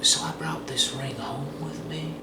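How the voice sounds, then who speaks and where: A man's voice: on the high side, steady tone, measured pace. A man telling a rambling tall tale in a folksy, meandering way while he cooks, at times dropping to a whisper. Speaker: host cooking on camera. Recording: roomy, distant, noisy ambience.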